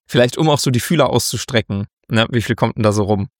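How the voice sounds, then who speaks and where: A man co-hosting a casual board game news podcast, relaxed and chatty, laughing often. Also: medium pitch, quick pace, no echo, clean studio sound. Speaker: podcast co-host.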